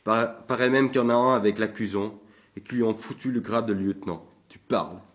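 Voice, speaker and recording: A man's voice: fairly low pitch, a little fast, natural voice. A man voicing a drunken, brutish soldier sergeant who bellows and hurls insults, in a storybook reading. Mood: drunken ranting.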